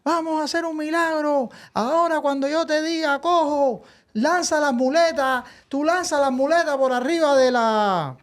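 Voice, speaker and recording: A man voicing a showy small-town faith healer who preaches and commands the crowd in a booming cadence. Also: normal speed. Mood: proclaiming.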